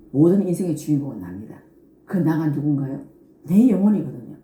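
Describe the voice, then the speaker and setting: Woman lecturing on spirit stuff, quick and lively, echoey room. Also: on the low side. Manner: earnest, explanatory, acts out inner voices.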